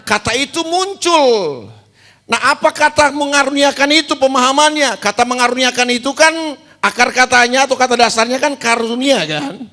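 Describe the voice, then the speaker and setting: A man's voice: very high voice, normal speed, sharp tone. A male pastor preaching a sermon. He asks the congregation questions, answers them himself and repeats key words for emphasis.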